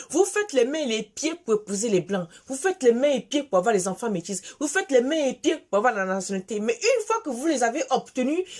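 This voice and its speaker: A woman from Gabon with a Gabonese French accent, delivering an emphatic, scolding monologue to her viewers and repeating phrases for force. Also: high voice. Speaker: vlogger. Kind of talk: impassioned monologue addressed to viewers.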